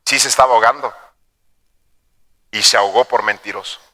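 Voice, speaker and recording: A male pastor preaching a sermon, dropping to hushed storytelling and then rising to shouted exhortation, calling his listeners brothers. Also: on the low side, fairly even intonation, brisk, in a large hall. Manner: addresses the congregation as brothers. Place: church sanctuary.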